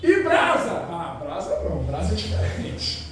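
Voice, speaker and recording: A high-voiced evangelist preacher with a Rio de Janeiro Portuguese accent delivers a Pentecostal sermon in a large, very echoey church hall, with music and slight noise behind him. He speaks at a measured pace far from the mic, animated and storytelling with acted quotes and rhetorical questions.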